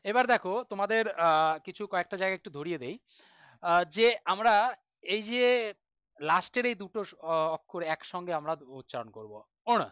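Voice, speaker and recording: A man teaching a grammar lesson with a bright, sharp, clean voice. He explains patiently, reassures his students, and chants syllable lists in rhythm. The sound is dry and a little dull, like a lo-fi online class. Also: high-pitched, animated, a little fast, pauses often, clear, resonant tone, no room sound.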